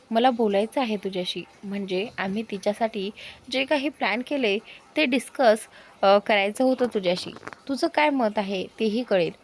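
An impatient, eager young man in a storybook romance who pushes and pleads to get his way, as a woman narrator voices him. His voice is on the high side. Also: lightly acted. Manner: pushy, pleading. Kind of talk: storybook character voice.

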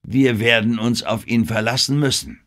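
A man doing a calm, hushed old captain. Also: medium pitch, moderate pace, voice pushed up, close to an everyday voice.

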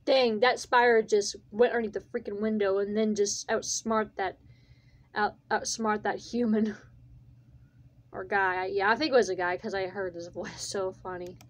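A woman's voice: mid-range voice, steady tone, moderate pace. A young woman chatting casually as she reacts to videos, rambling and repeating herself as she retells what happened. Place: small bedroom. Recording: faint room noise.

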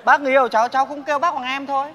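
A man playing a cheeky young suitor in a stage comedy sketch, answering back with quick wit. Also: extremely high pitch, steady tone, sharp tone, a little hiss or hum.

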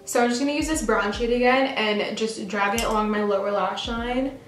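Speaking a little fast in a steady, slightly high voice, a young adult beauty vlogger from New York does her makeup in her bathroom at home. Her get-ready-with-me chatter is packed with "like" fillers, and the low-quality recording sounds roomy with a little hiss or hum.

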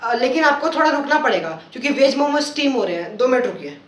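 Man doing a sarcastic street vendor, snappy, high voice, roomy sound from far off. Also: expressive, fast, a bit bright. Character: pushy, sarcastic male momo street vendor.

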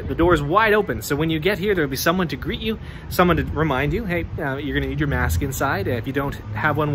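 A man's voice: fairly high pitch, background noise. A man in his thirties, a pastor, chatting casually with many fillers and restarts as he walks through an empty church, filmed on a phone at arm's length. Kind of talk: casual walkthrough video. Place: inside an empty church building. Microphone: phone held at arm's length. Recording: reverberant hall with faint ambience.

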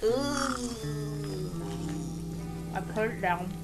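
A woman's voice: mid-range voice, very slow. A woman co-hosting a let's play in casual gameplay commentary, chatty and rambling, with game music behind.

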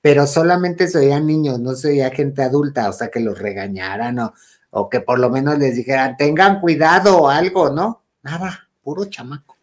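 A man with a Mexican accent tells a ghost story in a relaxed, chatty way. He talks animatedly and dips into a hushed whisper at the scary moments. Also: medium pitch, normal speed. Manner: animated, drops to a whisper at the spooky parts. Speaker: guest storyteller. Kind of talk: casual ghost story telling.

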